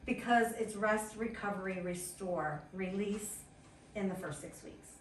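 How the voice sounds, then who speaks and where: A woman's voice: mid-range voice, a little hiss or hum. A woman wellness coach giving an upbeat, chatty talk to a small group at an indoor event. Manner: chatty, upbeat, quick asides. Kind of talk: lively storytelling presentation. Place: indoor event room at a chiropractic office. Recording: echoey room from a distance, faint ambience.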